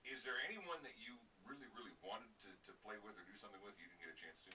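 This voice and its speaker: A man's voice: fairly low pitch, fast, recorded from a distance, background noise. A man hosting a radio show, with upbeat DJ patter as he interviews a guest in his studio. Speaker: radio host.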